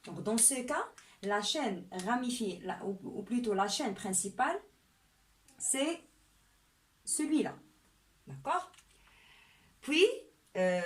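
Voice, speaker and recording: A woman teaching a chemistry lesson step by step, often checking in with "d'accord?". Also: a little high. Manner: slow and deliberate, often asks "d'accord?".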